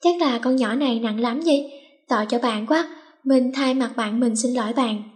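A woman's voice: a little high, normal speed, darkish tone, lightly acted. A woman voicing a teenage schoolgirl best friend who scolds, fusses and wheedles. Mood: fussy.

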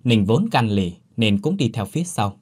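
Male horror-story narrator, lively swinging delivery, slightly husky tone. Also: lowish voice, moderate pace. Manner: dramatic, expressive storytelling.

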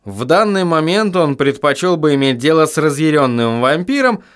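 A man reading an audiobook as narrator, measured and unhurried. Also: fairly high pitch, sing-song, clear, resonant tone. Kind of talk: scripted narration.

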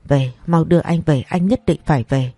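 A frantic young man, injured and begging to go home to his mother, as the narrator puts him on. The tone is soft and mellow with a breathy edge. It sits in an audio story. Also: a little high, normal speed, no echo. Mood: desperate, pleading. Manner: urgent, pleading.

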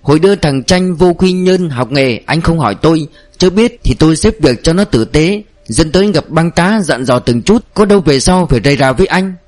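Storybook part: a man playing a jovial old mandarin, smooth and persuasive. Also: fairly high pitch, expressive, a little fast, darkish tone, soft background music, close to an everyday voice. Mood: genial. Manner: genial, persuasive. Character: smooth-talking older provincial mandarin, jovial.

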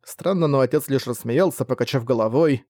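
A man narrating a fantasy novel in a steady, measured reading. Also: mid-range voice, no echo, studio quality. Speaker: audiobook narrator. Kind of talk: scripted narration.

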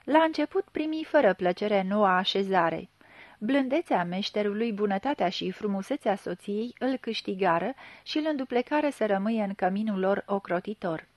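A woman narrating a literary audiobook, measured and expressive, at a middle pitch. The recording is dry, with no room sound. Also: no room sound.

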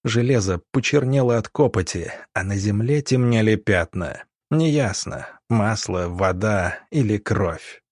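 A man's voice: lowish voice, lively intonation, unhurried, hardly any pauses, a little mellow, no echo. Dry, dramatic male audiobook narrator.

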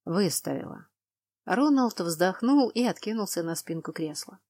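A woman narrating a novel in the first person in an even, measured way. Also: mid-range voice, dry recording, clean studio sound. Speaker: audiobook narrator.

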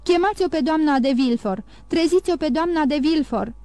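A woman's voice: high voice, warm tone, no echo, voice pushed up, lightly acted. A woman voicing a desperate male royal prosecutor and father, calling out urgently.

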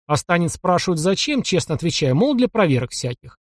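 A man's voice: sits high, very animated, brisk, no echo, clean studio sound, pitched above the performer's own voice. A man voicing a young hunter who is bold, sly and defiant, talking in a mocking, cocky way. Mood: scheming.

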